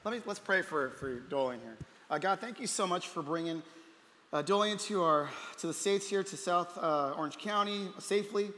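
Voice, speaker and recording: A pastor with a high, pushed, bright voice hosts his church service from a stage, speaking at normal speed into a handheld mic. He jokes with the congregation before turning to earnest prayer, and the reverberant hall carries the sound of the audience.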